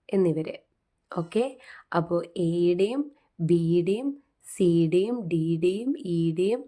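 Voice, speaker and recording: Patient woman teacher, slow and low-pitched, spells and repeats words for learners. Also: darkish tone. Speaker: English phonics teacher. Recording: faint music behind.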